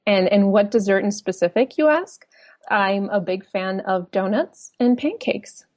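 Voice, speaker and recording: Woman, thirties, New York American accent, podcast guest, laughs a lot, mid-pitched, dry sound. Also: lively intonation, a little slow, darkish tone, no room sound. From United States, New York. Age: 30s. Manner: giggly, chatty, laughs often. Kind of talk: casual podcast interview.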